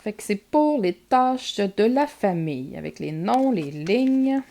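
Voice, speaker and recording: A woman's voice: medium pitch, big pitch swings, takes it slowly, vocal fry, mellow. A woman with a Québécois accent chatting casually as she shows off her purchases in a vlog, using lots of filler words. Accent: Québécois French. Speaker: vlogger showing purchases. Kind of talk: casual show-and-tell vlog.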